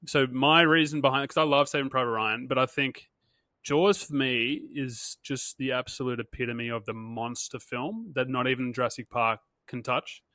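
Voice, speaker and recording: A man's voice: mid-range voice, moderate pace, pushed and bright, no room sound, studio quality. A man co-hosting a casual film podcast, chatty and rambling, often laughing along with his friends. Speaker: podcast co-host. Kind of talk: casual chat.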